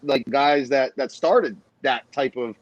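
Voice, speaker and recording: A man's voice: mid-range voice, no echo. New guy on a choppy video call, keeps cutting out, muffled lo-fi audio, stops and repeats himself. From New York. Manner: halting, repeats words, street-casual. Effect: choppy, breaking-up internet call audio that freezes. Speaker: guest, cigar company co-owner. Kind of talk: casual podcast chat. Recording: dull lo-fi video call line.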